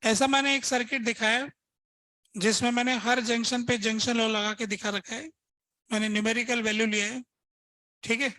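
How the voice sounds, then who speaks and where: A man's voice: extremely high pitch, fairly even intonation, normal speed, long pauses, pushed and bright, dry recording, poor audio. A man teaching a physics lesson, working through examples step by step and asking his students rhetorical questions. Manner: casual, conversational teaching. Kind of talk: lesson at a board.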